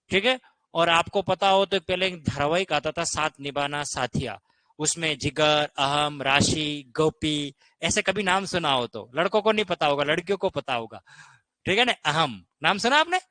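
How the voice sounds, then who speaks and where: A man's voice: on the high side, lively intonation, normal speed, bright, forceful tone, no room sound. A man teaching grammar in an online exam-prep lesson, explaining patiently and often checking that students follow. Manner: explains patiently, keeps asking "ठीक है?".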